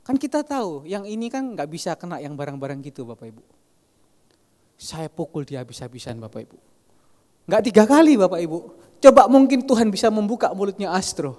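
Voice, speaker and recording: A man preaching a sermon, telling stories in an animated way and often addressing the congregation directly. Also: high-pitched, fairly quick. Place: large church hall. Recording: reverberant church hall.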